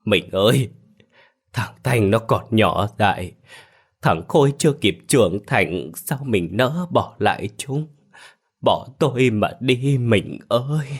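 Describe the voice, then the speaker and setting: A male narrator voicing a rich middle-aged husband lamenting his dead wife in a loud, slow cry. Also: fairly low pitch, animated, husky, exaggerated voice. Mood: wailing.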